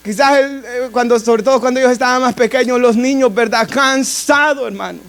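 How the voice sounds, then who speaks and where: A man's voice: very high-pitched, fairly even intonation, fast. A man preaching a conversational sermon in a church, often turning to address the congregation as brothers and adding asides.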